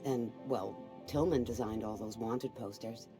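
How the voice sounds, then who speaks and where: A man's voice: fairly low pitch, steady tone, a little slow, over music. An actor playing a matter-of-fact male office worker in a video game.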